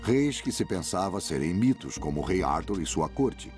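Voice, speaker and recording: A man's voice: low-pitched, sing-song, moderate pace, a little mellow. A man with a Brazilian accent reads scripted documentary narration in a grave, dramatic, epic storytelling manner. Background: prominent music.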